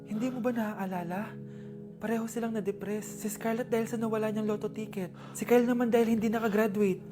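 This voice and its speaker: A woman playing a somber doctor who speaks low and quietly. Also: steady tone, fairly quick, music in the background, lightly acted. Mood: grave. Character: calm, somber doctor breaking bad news.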